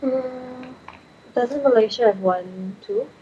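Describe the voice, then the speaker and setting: A soft-spoken woman guest on a gaming podcast, chatting casually. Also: a little high, slow. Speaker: podcast guest, esports player. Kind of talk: casual chat. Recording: slightly dull audio with faint noise.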